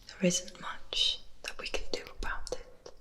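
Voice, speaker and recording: A woman leading an ASMR meditation in a breathy, unvoiced whisper, soothing and deliberate, softly repeating words. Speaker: ASMR host guiding relaxation.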